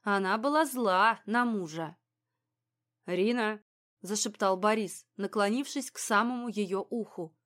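A woman reading an audiobook in a calm, even storytelling manner. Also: mid-range voice, normal speed, few pauses. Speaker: audiobook narrator. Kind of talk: scripted audiobook narration.

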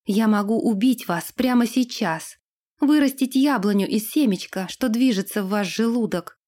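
A woman's voice: on the high side, moderate pace, mellow, close to an everyday voice. A woman reading an audiobook, voicing a young forest princess who speaks with passionate defiance. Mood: fiery. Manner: fervent, fiery.

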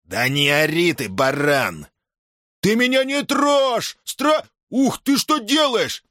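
A man reading an audiobook, voicing agitated townsmen trading excited, quarrelsome shouts in a crowd. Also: a little high, unhurried, no room sound, clean studio sound, voice pushed up. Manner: excited, jostling, quarrelsome exclamations.

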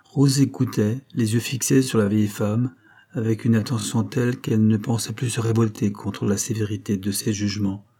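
A man narrating a novel as an audiobook in a measured, even reading. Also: on the low side. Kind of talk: scripted narration.

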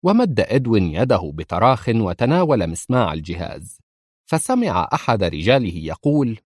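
A man's voice: fairly low pitch, very animated, moderate pace, no room sound, clean studio sound. A man narrating an action audiobook in a dramatic, intense reading.

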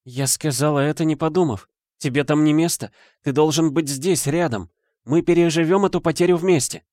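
A man's voice: a little high, moderate pace, darkish tone, dry recording, studio quality, voice pushed up, natural voice. A man voicing a grieving middle-aged mother who pleads with her son. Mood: desperate. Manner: pleading, emotional.

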